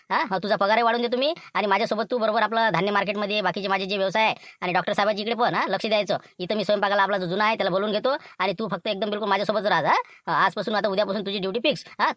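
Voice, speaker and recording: A man with a Varhadi Marathi accent playing a scheming middle-aged businessman boss in a village comedy sketch, bossy and tagging his lines with quick checks. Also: sits high, steady tone, a bit bright, dry recording, clean studio sound. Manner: bossy and rapid, fond of "ha" and "nahi ka".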